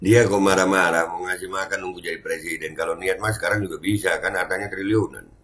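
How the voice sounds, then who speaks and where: Man, middle-aged, low voice, mocking casual host banter. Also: steady tone, fast talker, fairly bright tone. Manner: mocking, chatty banter with the audience. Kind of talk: casual reaction commentary.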